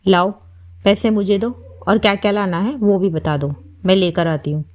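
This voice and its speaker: A woman voicing a bossy, controlling middle-aged mother-in-law who scolds with sharp commands. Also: mid-range voice, normal speed, lightly acted. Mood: scolding.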